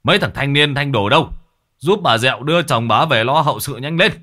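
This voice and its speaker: A man voicing a gruff, irritable middle-aged village chief who scolds bluntly. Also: mid-range voice, lively intonation, fairly quick, sharp tone, pitched above the performer's own voice. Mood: irritable scolding.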